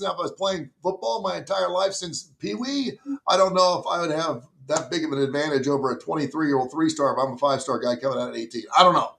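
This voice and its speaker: Gravelly fifty-something male sports host. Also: high voice, a bit bright. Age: 50s. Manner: loose and jokey, stumbling restarts and chuckles. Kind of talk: casual sports talk.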